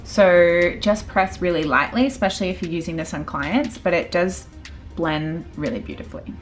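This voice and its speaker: A woman's voice: fairly low pitch, normal speed, faint music behind. A woman, a makeup artist chatting casually through a tutorial with lots of fillers. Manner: chatty, filler-heavy, relaxed.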